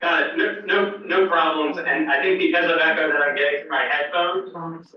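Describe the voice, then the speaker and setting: A man's voice: a little high, moderate pace. Man on a phone held to a mic. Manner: steady, with frequent "uh" fillers. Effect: voice from a cell phone held up to a microphone. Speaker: business presenter. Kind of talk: formal presentation over the phone. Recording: muffled phone sound through a very echoey hall, from far off.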